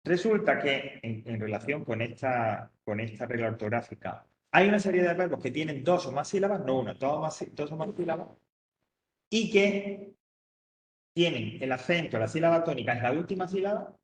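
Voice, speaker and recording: A man's voice: fairly high pitch, lively intonation, moderate pace, a little hiss or hum. Patient male teacher, echoey room. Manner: patient, repeats points step by step. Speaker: English teacher. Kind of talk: classroom explanation. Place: classroom.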